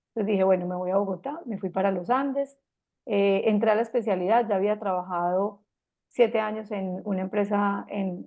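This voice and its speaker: This reflective personal talk comes from a woman in her fifties from Colombia whose accent marks her as being from Medellín. She speaks gently in a mid-range voice, often pausing and starting over, and the sound has a phone-like quality.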